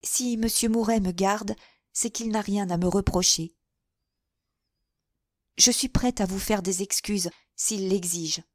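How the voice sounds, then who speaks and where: A woman voicing a calm, gentle young shop girl. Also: mid-range voice, takes it slowly, long pauses, no echo, studio quality. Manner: soft, composed replies.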